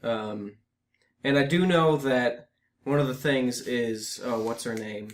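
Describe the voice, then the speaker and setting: Man, podcast co-host, lively and profane, average pitch, in a roomy room. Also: slow pace, a little hiss or hum. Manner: animated, swears freely, acts out quoted reactions. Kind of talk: casual chat. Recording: roomy echo.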